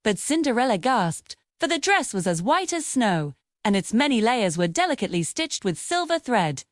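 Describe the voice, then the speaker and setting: Telling a fairy tale for children, this storyteller uses a sing-song, expressive delivery at a normal speed. Her pitch is a little high and swoops broadly, and the close recording has no echo.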